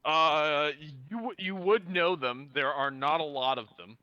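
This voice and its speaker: A man's voice: fairly high pitch, a little slow, bright, forceful tone, no room sound, dull audio, voice pushed up. A man doing a curt Legion officer. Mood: officious. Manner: clipped, officious questioning. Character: stern male Legion officer, curt and demanding.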